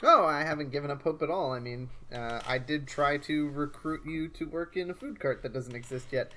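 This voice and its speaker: A woman's voice: sits low, moderate pace, bright, forceful tone, slight background noise, rough recording. A woman playing a tabletop role-playing game, speaking in character with a dry, wry delivery. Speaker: player.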